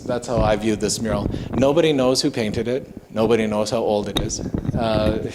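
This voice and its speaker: A man leads an informal ghost tour in a mid-pitched voice. He explains things conversationally and haltingly, feeling his way through each story. Clear background noise and clicks run through the recording.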